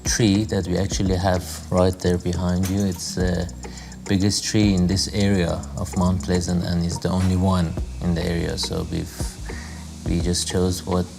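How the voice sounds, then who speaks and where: A man who grew up in Zimbabwe, a lodge owner talking casually in an interview, relaxed and rambling with many fillers. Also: low-pitched, normal speed, gravelly. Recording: music playing under the voice.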